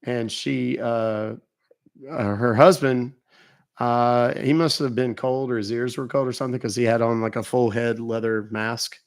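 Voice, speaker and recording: A man's voice: mid-range voice, flat delivery, a little slow, clear, resonant tone. Chatty man hosting a livestream. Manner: chatty, thanks viewers, rambling asides. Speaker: scam-baiting livestream host. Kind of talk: casual livestream chat.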